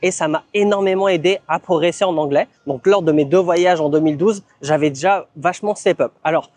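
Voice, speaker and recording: A man narrating a casual vlog in a relaxed, chatty way, often dropping in fillers and tag words. His voice sits a little high for a man. The sound is dry and close. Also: brisk, dry recording. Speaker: vlogger.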